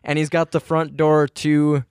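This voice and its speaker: A man's voice: a little high, completely flat delivery, unhurried, a little mellow, clear, resonant tone, dry recording, studio quality. A man playing his character in a tabletop role-playing game, eagerly narrating what his character does. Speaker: player. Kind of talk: casual tabletop role-play.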